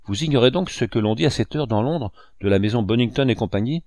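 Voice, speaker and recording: A man reading the lines of a cold, bitter young male cashier bent on revenge, measured and cutting. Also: medium pitch, animated, a little mellow, dry recording, clean studio sound, natural voice. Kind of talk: audiobook character reading.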